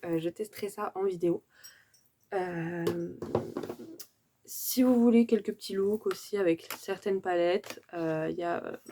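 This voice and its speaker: A woman's voice: medium pitch, warm tone. A woman chatting through a casual beauty unboxing vlog, hesitant and chatty with many fillers and self-corrections. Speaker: beauty vlogger.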